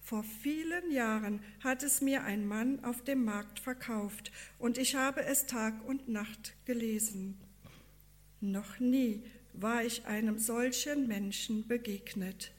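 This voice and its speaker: A woman doing a gentle, devout village man. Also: on the high side. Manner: tender, wondering, breathless.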